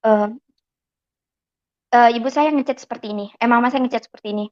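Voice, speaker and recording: A woman tells her conversion testimony in a fairly high voice. She is an animated storyteller who acts out bits of remembered dialogue. The recording sounds dull and lo-fi. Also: fairly quick. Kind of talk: personal testimony.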